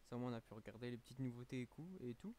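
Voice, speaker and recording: Tired French streamer chatting casually. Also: male voice, mid-range voice, lively intonation, rapid-fire, warm tone. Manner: rambling, many fillers and restarts. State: a little tired. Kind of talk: casual live-stream chat.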